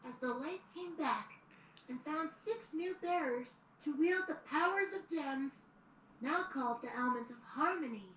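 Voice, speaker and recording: In an earnest storybook narration for an audio drama, a woman takes the role of a young boy dragon assistant reading history aloud. Her high, fairly bright voice moves at normal speed; the replayed recording is noisy, distant, and roomy.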